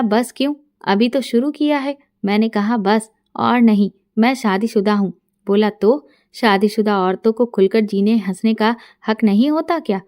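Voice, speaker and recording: A middle-aged woman narrating a first-person story, reading every part in her own quiet, even voice. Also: a little high.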